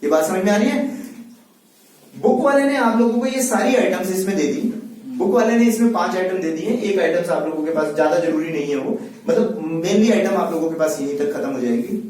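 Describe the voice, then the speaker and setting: Teacher in an echoey classroom, recorded from afar. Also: male voice, high-pitched, fairly quick, darkish tone, recorded from a distance. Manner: patient, repeats questions to check understanding. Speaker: accountancy teacher. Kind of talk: classroom lecture.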